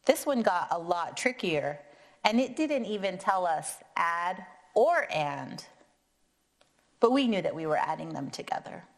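American lady doing kindergarten teacher voice, reading aloud to little kids, really slow careful counting, slightly low pitch. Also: sing-song. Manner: kindergarten teacher voice, deliberate counting, prompting questions. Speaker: kindergarten and first grade math teacher. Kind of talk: read-aloud lesson for young children. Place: indoor classroom or meeting room, seated at a table.

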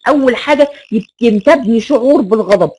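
A woman's voice: a little high, expressive, fast, a little mellow, husky, poor audio. A woman with an Egyptian Arabic accent giving a recorded lecture, stressing key words and repeating rhetorical questions.

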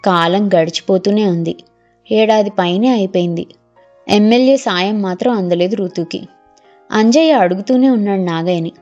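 A woman narrating an audiobook story in a steady storytelling manner. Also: medium pitch, moderate pace. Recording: muffled lo-fi, faint music.

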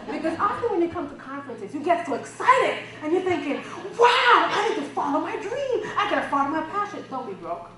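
A woman from the Caribbean giving a humorous motivational talk at a conference, telling self-mocking stories and acting out dialogue. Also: a little high. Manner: lively storytelling, self-mocking, acts out quoted dialogue. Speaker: keynote speaker. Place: conference hall. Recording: echoey hall from far off with background noise.

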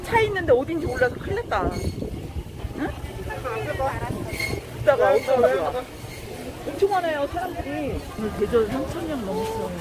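A woman's voice: high voice, very animated, moderate pace, pauses often, heavy background noise. A middle-aged woman vlogging outdoors, chatting and muttering to herself while talking through a face mask. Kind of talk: casual vlog chat at a market. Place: outdoor market street.

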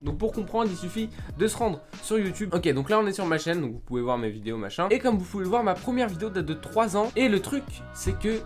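A young man with a slightly high voice rattles through casual commentary at a brisk clip. He mocks himself, laughs often and swears without a second thought. Faint music plays quietly behind him. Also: lively intonation. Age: young adult. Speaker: gaming YouTuber.

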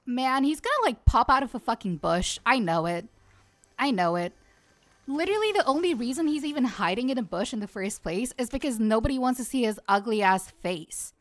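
A woman's voice: fairly high pitch, animated, fairly quick. A young woman streaming a game live, swearing, jumpy and panicky, trash-talking her opponents. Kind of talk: live gaming stream commentary.

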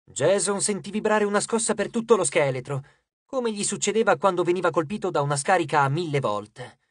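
An audiobook narrator reading a novel in an expressive storytelling manner, recorded in a studio. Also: mid-range voice, a little fast, dry recording.

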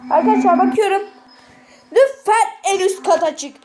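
Very high-voiced panicky woman gamer. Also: normal speed, a little mellow, slight background noise. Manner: panicky, screams and pleads at the monster. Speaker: gameplay streamer. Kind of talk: horror game let's-play commentary. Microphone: mic held to her ear.

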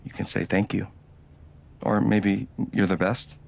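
An actor plays a young adult older brother, a goofy teaser who jokes with his sibling in warm, easy banter with a playful mood. His voice is low-ish, fairly even in intonation, a little slow, and creaky.

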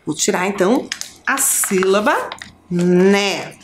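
A woman with a Brazilian accent teaching a children's lesson, counting and spelling out syllables slowly for young pupils. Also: mid-range voice, animated, a little hiss or hum. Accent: Brazilian Portuguese. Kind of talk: children's lesson on a school TV channel.

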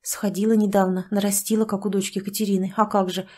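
A woman narrating a humorous audiobook in a lively storytelling voice, with a few small slips. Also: medium pitch, quick pace.

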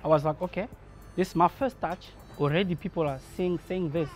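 Soft-spoken barber, earnest and measured. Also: male voice, a little high, music in the background. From Congo. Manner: earnest, measured, acts out remembered dialogue. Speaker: barber and shop owner. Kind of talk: documentary interview, personal story. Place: inside his barbershop.

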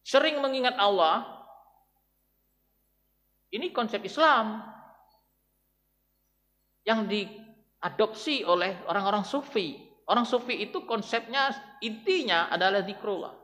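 A man delivers an emotive dawn sermon, his voice high and bright with wide, lively swings of pitch. He drops from loud exhortation to near-whispered tenderness as he speaks straight to the congregation. The sound rings with the long echo of a large mosque hall. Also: slow pace, pauses often. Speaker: preacher.

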